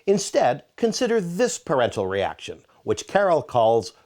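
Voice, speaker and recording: A man's voice: on the high side, huge pitch swings, unhurried, noisy background. A man narrating an educational parenting quiz, reading multiple-choice questions with playful emphasis. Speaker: author and narrator.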